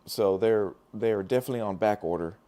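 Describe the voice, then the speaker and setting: Hoarse and losing his voice, a middle-aged man rambles through a casual live stream from his dental lab bench, full of fillers and restarts as he talks to viewers. His lowish, warm voice moves at a brisk clip.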